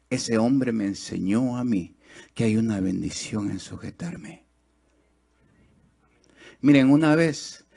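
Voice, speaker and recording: A man preaching a sermon to a congregation. He swings between loud, high, quick exhortation and slow, quiet confiding, and he often turns to the people with rhetorical questions. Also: creaky, husky. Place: church.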